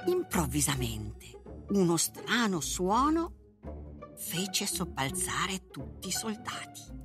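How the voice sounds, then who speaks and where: Brief: woman storybook narrator, slow and lively in pitch, bright tone. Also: over music. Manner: expressive, unhurried reading.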